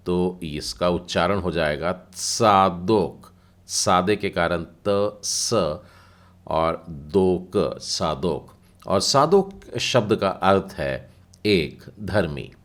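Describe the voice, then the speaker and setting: A man teaching a Bible language class, patiently spelling out letters and their sounds step by step. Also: sits low. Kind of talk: slow explanatory lesson.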